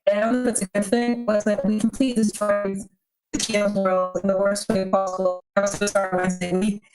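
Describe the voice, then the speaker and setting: A woman's voice: medium pitch, level tone, quick pace, rough recording. A South African woman chatting casually and self-mockingly about a tabletop campaign. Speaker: podcast guest. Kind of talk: casual chat. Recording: music playing behind.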